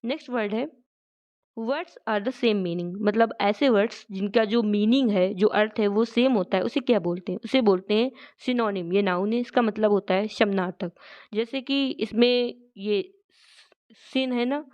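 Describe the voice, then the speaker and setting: A woman explaining English words in a lesson, speaking Hindi as her first language and reading out English definitions slowly and deliberately. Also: medium pitch, darkish tone. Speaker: vocabulary teacher.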